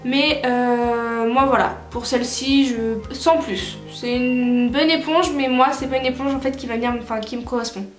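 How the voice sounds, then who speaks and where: A woman's voice: a little high, fairly even intonation, normal speed, few pauses. A young woman from France chatting casually through a makeup tutorial, with lots of fillers and self-corrections. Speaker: beauty vlogger. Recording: roomy echo with soft music behind.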